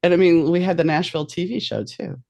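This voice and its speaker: A woman's voice: fairly low pitch, quick pace, gravelly, dark tone. A woman from New Orleans hosting an interview, chatty and asking long, winding questions. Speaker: podcast host. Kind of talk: casual interview chat.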